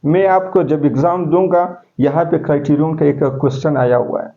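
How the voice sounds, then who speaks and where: A man's voice: a little high, fairly even intonation, normal speed, warm tone. Male teacher quizzing his class. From Pakistan. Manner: explains step by step, asking the class questions. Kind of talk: classroom lecture. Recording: dull lo-fi classroom recording.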